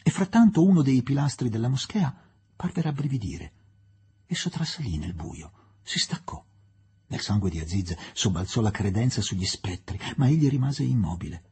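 A man reading an audiobook as narrator, telling the story in a measured, expressive way. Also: medium pitch, breathy edge. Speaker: audiobook reader. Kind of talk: scripted narration.

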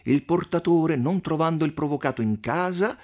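A man voicing a smooth-talking, overbearing lord who soothes his quarrelling guests in a read-aloud story. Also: on the high side, moderate pace, darkish tone, pitched above the performer's own voice, natural voice. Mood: storytelling.

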